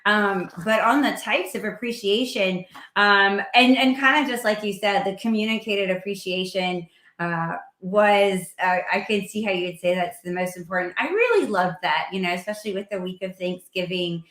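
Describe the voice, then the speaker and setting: A woman hosting a casual interview, chatty and filling pauses with ums. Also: mid-range voice, a bit bright, reverberant. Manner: chatty, with frequent fillers. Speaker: host.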